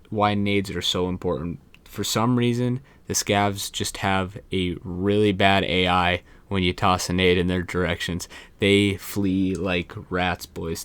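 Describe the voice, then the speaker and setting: Young guy w a lowish voice doing a chill game guide, calls everyone boys. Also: a bit bright, smooth, dry recording. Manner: chatty, calls viewers "boys". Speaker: gaming YouTuber. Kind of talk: casual gameplay tutorial.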